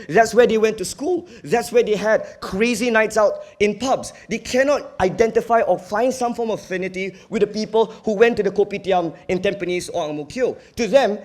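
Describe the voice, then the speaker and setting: A young university debater with a Singaporean accent delivers a competitive debate speech. His voice sits high, and his manner is earnest, emphatic, and argumentative.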